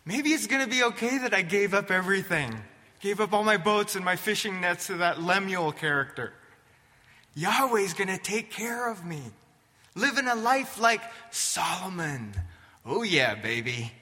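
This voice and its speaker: A man's voice: high-pitched, moderate pace, in a large hall, voice pushed up. A preacher putting on an eager, giddy fisherman. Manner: excited, boastful, incredulous. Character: eager impulsive male fisherman disciple, daydreaming.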